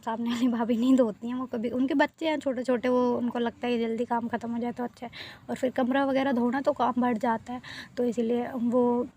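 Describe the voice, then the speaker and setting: A woman's voice: fairly high pitch, level tone, brisk, warm tone, a little hiss or hum. A young woman vlogger chatting casually as she narrates cleaning her home, repeating herself and checking in with listeners often.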